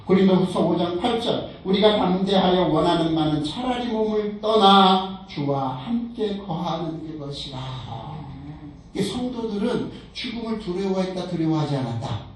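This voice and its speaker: A man's voice: high voice, animated, normal speed, a little hiss or hum. A man preaching to a nursing home chapel congregation, putting questions to them and rising to emphatic peaks. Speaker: pastor. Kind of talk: sermon. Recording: echoey chapel recorded from a distance.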